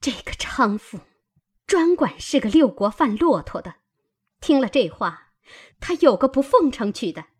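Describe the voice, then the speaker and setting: A fierce young maidservant in a storybook reading, scolding high and loud with tears in her voice, put on by a woman narrator. The voice is husky and swoops widely as she lashes out. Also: sing-song, a little slow, exaggerated voice. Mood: indignant. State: crying while scolding.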